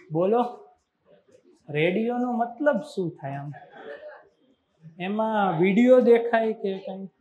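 High-pitched male coaching teacher, quick call-and-answer classroom delivery, faint background hum. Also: a little mellow, rough recording. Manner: quizzes the class with quick questions and answers them himself. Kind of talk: classroom lecture.

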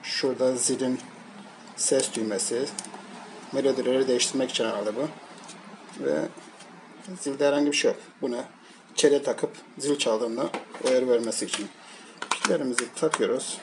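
This is casual, unscripted commentary from a man reviewing products hands-on at an indoor table, talking through each piece haltingly as he handles it. His pitch is medium. The home recording is amateur and noisy, with obvious background sound.

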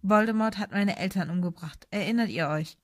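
A woman's voice: medium pitch, brisk, no room sound, clean studio sound, lightly acted. A woman voicing a brave, desperate young schoolboy wizard who talks urgently and pleadingly. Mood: impassioned.

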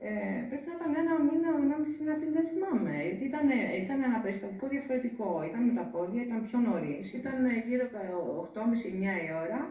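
A woman, an interviewed mother, retelling a tense incident with hesitations and shifts in pitch. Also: expressive, hardly any pauses, mellow. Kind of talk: emotional recounting interview. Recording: echoey, distant mic.

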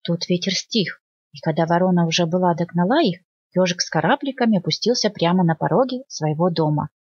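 A woman librarian reading a children's fairy tale aloud in an expressive storytelling manner. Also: fairly quick, breathy edge, no room sound. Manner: expressive storytelling, lively pitch. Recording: dull lo-fi dry recording.

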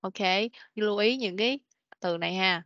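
A slightly bright, medium-pitched woman's voice, with no room sound, leads an online English lesson for children. She patiently corrects their pronunciation and repeats words slowly, with frequent "rồi, ok," recorded as a dull, dry, lo-fi video call meeting.

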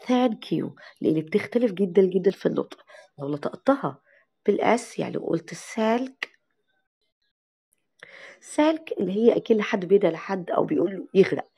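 A young woman with an Egyptian Arabic accent teaching an English lesson to parents, stretching out English words slowly to show how they are said. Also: medium pitch, animated, mellow, slightly rough. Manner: slow, drawn-out model pronunciation of English words.

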